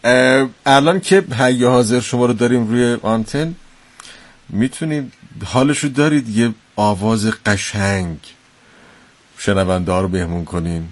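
A man hosting a radio talk show, chatty, teasing and full of praise for his guest. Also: medium pitch. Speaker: radio host.

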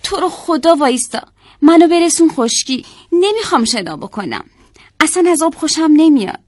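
A woman's voice: fairly high pitch, animated, dry recording, clean studio sound. A woman voicing a small green lizard, unhappy with itself, that whines and pleads. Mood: pleading. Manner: whiny, pleading cries.

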